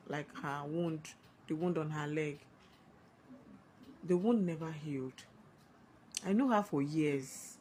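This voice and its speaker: A woman's voice: low-pitched, a little mellow, slight background noise, rough recording. A woman with a Nigerian accent telling a scary personal story conversationally, emphatically repeating phrases for effect.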